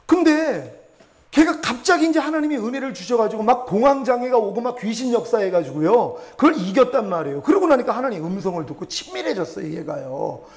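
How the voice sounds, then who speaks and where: A man's voice: very high-pitched, sing-song, a little fast. A middle-aged man, a pastor, preaching a sermon and telling a personal testimony with emotion, acting out prayers and quoted voices.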